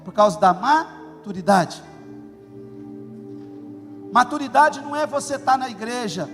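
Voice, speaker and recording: High-voiced middle-aged pastor guy, preaching hard with big stresses, long church hall echo. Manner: emphatic, animated preaching with sudden loud stresses. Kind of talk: sermon. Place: church auditorium. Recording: long hall reverb, faint music.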